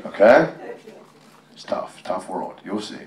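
With a low, sing-song voice and a slow pace, a Western Pennsylvania man from the United States reads a picture book at a casual storytime, chatting and joking in a folksy way. The setting is a library room during a live event. A helper's handheld microphone picks him up from a distance, giving a roomy sound.

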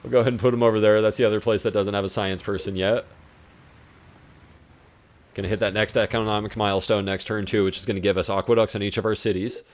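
A man's voice: on the low side, flat delivery, quick pace. A young man giving casual, laid-back commentary on his own strategy gameplay, talking to himself as he plays. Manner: laid-back, talks to himself while playing. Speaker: gaming YouTuber.

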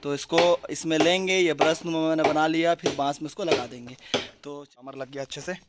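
A man's voice: fairly high pitch, steady tone, brisk, heavy background noise. A young man from West Bengal, chatting directly to viewers while filming himself on a phone held at arm's length in an outdoor backyard. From West Bengal, India. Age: young adult. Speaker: vlogger. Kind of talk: casual vlog narration.

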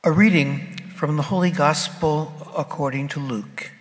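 A clergyman proclaiming the Gospel at Mass in a measured, solemn reading voice, heard in a cathedral echo. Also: a little high, fairly even intonation. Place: large church. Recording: long church reverb.

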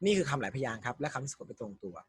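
A man's voice: mid-range voice, lively intonation, racing, slightly rough, no echo. A man teaching an exam-prep language lesson, working through questions step by step and quizzing his students as he goes. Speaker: Thai language tutor.

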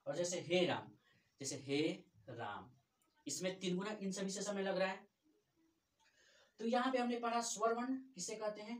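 Man teaching grammar in an echoey room. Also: high voice. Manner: asks questions then answers them himself. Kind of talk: grammar lesson. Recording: echoey room, distant mic.

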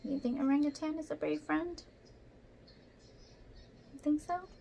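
A young adult woman reads a picture book aloud with lots of expression, pausing for asides to the little ones listening. Her voice sits high and mellow with a touch of vocal fry, and she keeps a steady tone at a measured pace. It was recorded in a small room at home, and the recording is noisy.

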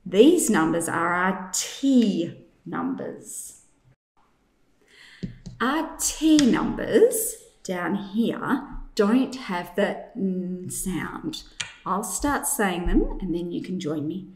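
Slow, expressive woman teaching young children. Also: fairly low pitch. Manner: clearly enunciated, drawn-out number words, simple guiding questions. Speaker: teacher presenting a maths activity. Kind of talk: instructional lesson for young children. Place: indoors in a room, demonstrating at a tabletop. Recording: echoey room.

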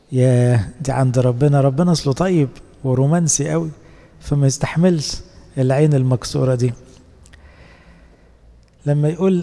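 A man's voice: on the high side, dark tone, big-room sound. A man with an Egyptian accent, preaching a sermon as priest in a colloquial, playful way, acting out quoted replies. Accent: Egyptian Arabic.

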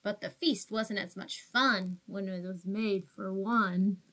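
In a fairly bright, mid-range voice with fairly even intonation, a young woman teacher in her twenties speaks slowly. Inside a small plain room, she reads a storybook aloud to small children, phrasing explanations simply and asking questions.

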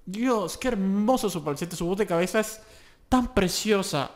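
A young man from Latin America gives reaction commentary over a faint song, gushing with exclamations and pointing out singing technique. His voice sits high and moves at normal speed.

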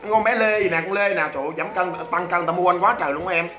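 A man hosting a livestream from home, rattling off loud, playful, clowning sales patter. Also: sits high, racing. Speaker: livestream host selling products. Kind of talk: rapid comic livestream patter. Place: home room. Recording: echoey room with faint noise.

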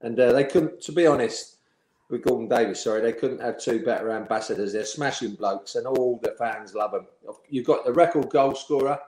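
A man's voice: mid-range voice, a little fast. Chatty man in his sixties, echoey room. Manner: lively storyteller, chuckling, acts out the people he quotes. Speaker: former footballer, interview guest. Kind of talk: anecdotal interview storytelling.

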